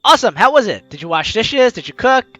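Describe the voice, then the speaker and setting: A let's-play video host streams games in a bright, very lively-pitched voice, talking fast and teasing with lots of exclamation as she moves between reading aloud and commentary. The recording is very dry and sounds dull, with faint music in the background.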